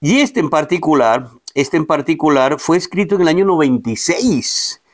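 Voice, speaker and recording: A man's voice: fairly high pitch, expressive, normal speed, no echo, clean studio sound. A man hosting his own video, explaining casually in a chatty, digressive way. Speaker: video host.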